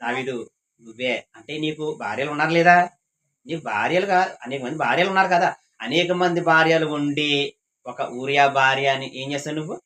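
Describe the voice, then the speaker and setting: A man's voice: fairly high pitch, normal speed, fairly bright tone, low-quality recording. A man leading a Bible class, repeating his points and quizzing the class with questions. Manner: repetitive, asks the class questions.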